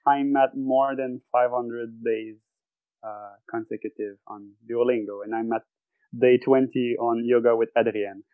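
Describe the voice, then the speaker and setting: An athlete from Quebec, Canada, whose first language is French, is a guest on a casual podcast, speaking thoughtfully and searching for words. His mid-range voice is steady and a little slow. Recorded in a home bedroom, the audio is narrow and tinny with no room sound.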